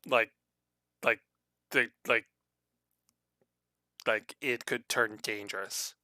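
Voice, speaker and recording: A man narrating a tabletop role-playing game as game master, halting and stumbling, with many fillers and restarts. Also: mid-range voice, steady tone, pushed and bright, no room sound.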